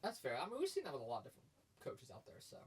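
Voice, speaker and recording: This sports podcast co-host has a husky, fairly high voice and talks very fast. The chat is casual, but he turns emphatic and energetic when pressing his points, getting loud and fired up.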